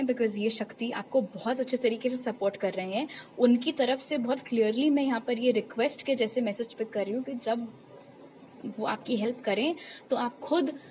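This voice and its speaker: Woman, tarot reader, chatty, reassuring, mixes in English, slightly high voice, faint background noise. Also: a little mellow, low-quality recording. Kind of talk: tarot reading for viewers.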